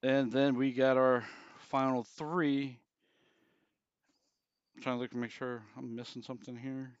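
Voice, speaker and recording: A man's voice: mid-range voice, little pitch movement, a little slow, smooth, no echo. A man co-hosting a podcast, casually narrating an imagined match. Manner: storytelling, acts out wrestler quotes. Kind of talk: casual chat. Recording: slightly dull lo-fi sound.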